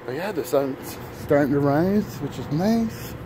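A vlogger in his thirties speaks unhurriedly in a fairly high, expressive voice while walking outdoors through the city in the early morning. He's a little out of breath and his casual talk rambles, with many fillers and restarts. Recorded on a phone at arm's length, the audio includes traffic and street noise.

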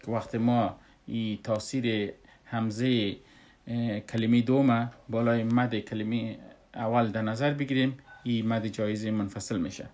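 A man, a Quran recitation teacher who explains a lesson step by step and pauses often on drawn-out "uh" sounds. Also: medium pitch, a little mellow. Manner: unhurried, with frequent drawn-out "uh" pauses.

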